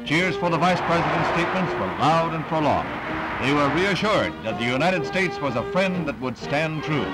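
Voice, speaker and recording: A man giving emphatic, formal old newsreel narration over a loud music score. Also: on the high side, big pitch swings, moderate pace, low-quality recording.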